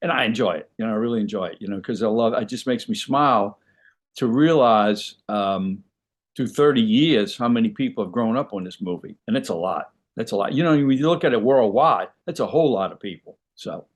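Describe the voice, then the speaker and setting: A man's voice: fairly low pitch, fairly quick. An older man, an actor guest on an interview, telling stories in an easygoing, rambling way with frequent "you know"s. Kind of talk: casual interview chat.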